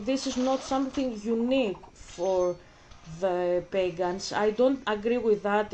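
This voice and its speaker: Woman, mid-pitched voice, casual vlog talk, thinking aloud, frequent restarts. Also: a little mellow, slight background noise. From Greece. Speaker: vlogger. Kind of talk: casual chat.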